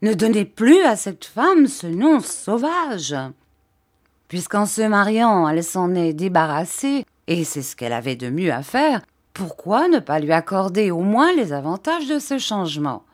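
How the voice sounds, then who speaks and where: A woman's voice: medium pitch, sing-song, measured pace. A woman reading an audiobook voices a brusque, commanding elderly aunt in clipped, imperious tones.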